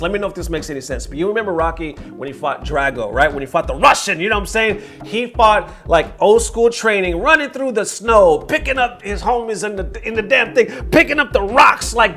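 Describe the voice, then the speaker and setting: Animated man in his forties hosting. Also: fairly high pitch. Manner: animated storyteller, loose slang, direct asides to viewers. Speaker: host. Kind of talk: casual video commentary.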